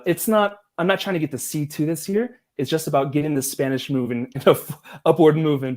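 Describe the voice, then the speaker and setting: A man hosting a language-learning livestream, chatting in a relaxed, rambling way and laughing easily. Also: medium pitch. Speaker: livestream host. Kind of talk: casual livestream chat.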